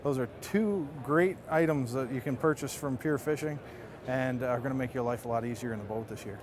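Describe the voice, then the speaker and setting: A man's voice: a little fast, noisy background. A man giving a casual, conversational product demonstration, explaining things like a marketing rep. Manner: explanatory, conversational sales pitch. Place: trade show booth. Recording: busy trade show crowd behind.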